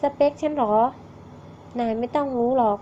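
A woman's voice: fairly high pitch, normal speed, mellow, a little hiss or hum, natural voice. A woman voicing a petulant, hot-tempered young male actor in a storybook reading, on a slightly muffled recording. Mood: shy. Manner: petulant, complaining.

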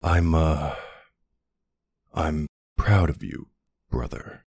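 In an intimate ASMR roleplay, a man plays a doting mafia boss who is also a husband and father, with an exaggerated, very deep, gravelly and husky voice full of fry. He speaks softly and unhurriedly with tender, hesitant pauses, sounding earnest and warm, and the recording is close and dry with no room sound.

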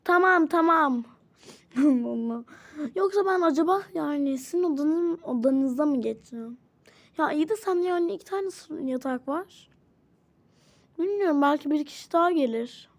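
A woman's voice: sits high, moderate pace. A woman casually role-playing a doll game, switching between characters and exclaiming often. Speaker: channel host playing all characters.

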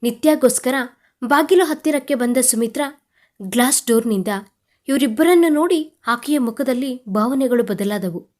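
A woman narrating a serialized romantic audio story in an expressive, dramatic way. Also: high-pitched, normal speed.

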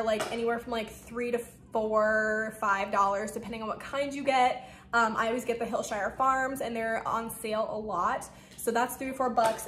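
Young female home vlogger, casual and rambling, a little out of breath, recorded in an echoey room. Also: fairly high pitch. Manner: chatty, rambling, lots of "like" and "um". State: a bit out of breath. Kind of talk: casual talk-through of meal prep. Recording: echoey room with faint noise.

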